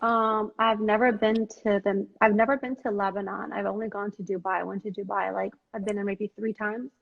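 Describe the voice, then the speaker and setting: A woman's voice: mid-range voice, level tone, a little fast, vocal fry, dull audio. A woman in her forties chatting casually as a guest on a live stream, upbeat and full of "like" and "um". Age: 40s. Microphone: remote call audio.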